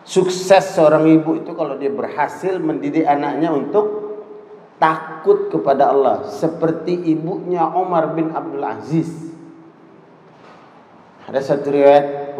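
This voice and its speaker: Man, Indonesian accent, sermon, storytelling, fairly high voice, echoey hall. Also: normal speed, mellow. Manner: storytelling, acts out quoted dialogue. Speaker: preacher.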